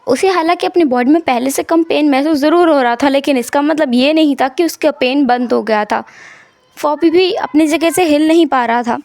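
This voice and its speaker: High-voiced woman retelling a story. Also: normal speed, darkish tone, dry recording. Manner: casual, conversational retelling. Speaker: story narrator.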